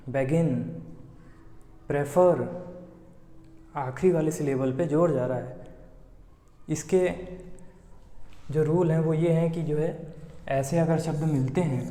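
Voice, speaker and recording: A man's voice: a little high, mellow. A man teaching English grammar in a patient way, asking questions and answering them himself. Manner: slow, patient, asks then answers his own questions. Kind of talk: explaining a lesson. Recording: echoey room with long reverb.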